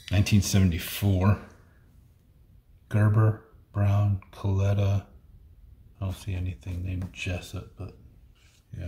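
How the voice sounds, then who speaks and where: A middle-aged man with a low, somewhat dark voice hosts a comic collection unboxing, sorting old comics at a table indoors while reading issue numbers aloud and muttering remarks. A fixed camera across the table captures him in an echoey room with faint noise.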